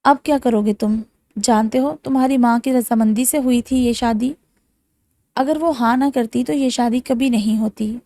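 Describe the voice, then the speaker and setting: A woman's voice: fairly high pitch, dark tone, no echo, natural voice. A woman voicing a menacing female apparition in an audiobook, taunting and mocking a young man. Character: eerie taunting female apparition in a dark forest.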